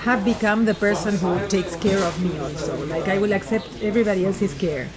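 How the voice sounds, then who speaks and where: A woman's voice: mid-range voice, fairly quick. A woman from Argentina talking candidly and reflectively in a casual chat over a meal, often restarting her sentences. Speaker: guest in a conversation. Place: busy restaurant. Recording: loud restaurant crowd around. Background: crowd chatter.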